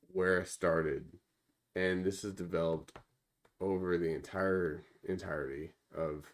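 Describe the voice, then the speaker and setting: A man's voice: low voice, gravelly, a bit bright. A man co-hosting a podcast, talking in a rambling, profane way with many restarts and fillers. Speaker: podcast co-host. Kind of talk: casual chat.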